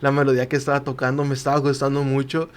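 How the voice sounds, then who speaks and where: A young man, a podcast guest telling a personal story. He acts out the quoted voices and turns quiet at the emotional parts. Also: medium pitch, completely flat delivery, racing, smooth. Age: young adult. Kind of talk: casual storytelling.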